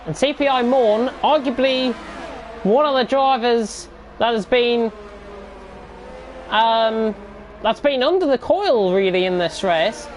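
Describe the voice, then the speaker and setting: A woman's voice: a little high, expressive, slow, long pauses, a little hiss or hum. A woman giving live motorsport commentary on an online race, exclamatory and repeating phrases for emphasis.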